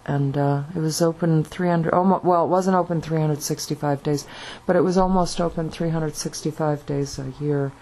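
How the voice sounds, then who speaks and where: A woman's voice: deep voice, fairly even intonation, a little mellow, low-quality recording. A woman vlogging alone in a rambling monologue with lots of fillers and restarts, still in her morning voice. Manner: halting, many fillers and restarts. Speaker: video blogger.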